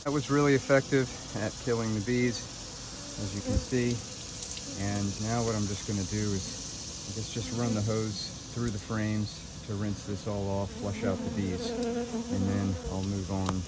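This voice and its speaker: Male beekeeper, lower voice, matter-of-fact phone vlog outdoors, bees buzzing clearly behind him. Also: expressive, measured pace, very noisy. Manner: plain, matter-of-fact, talking to camera while handling hives. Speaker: beekeeper vlogger. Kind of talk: casual narration while working. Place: outdoor backyard deck. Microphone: phone camera held or nearby. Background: buzzing bees around.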